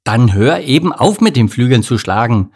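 A man's voice: mid-range voice, lively intonation, normal speed, darkish tone, husky. A man voicing a stubborn, self-centred young male bug in a storybook reading, grumpy and snappish. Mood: annoyed.

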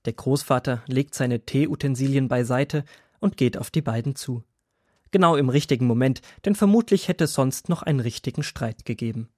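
A man narrating a children's Bible story in a calm, expressive storytelling manner. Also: medium pitch, moderate pace, no room sound, clean studio sound.

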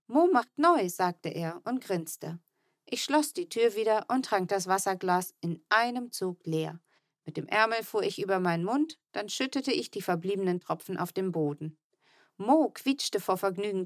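Woman, audiobook narrator, children's story, expressive reading, dry close mic. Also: lowish voice, no echo.

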